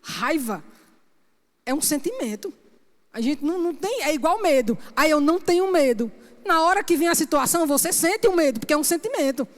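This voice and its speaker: A woman minister preaches with emphasis and checks in with her congregation again and again. Her voice sits high. It trails off into the long reverb of a church sanctuary. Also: lively intonation, fairly quick. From Brazil. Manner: emphatic preaching, punctuated with frequent "Amém?". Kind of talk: sermon.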